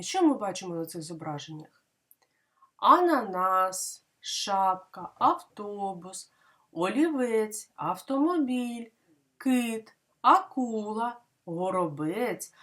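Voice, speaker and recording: A woman kindergarten teacher with a mid-range voice gives young children a literacy lesson. She explains patiently and clearly and asks many questions.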